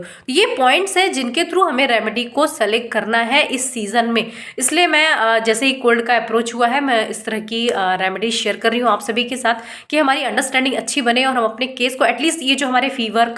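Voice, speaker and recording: A woman doctor in her thirties or forties, with a high voice, teaches an informal online class. She explains patiently, slips English terms into her talk and keeps asking her listeners rhetorical questions. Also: a bit bright.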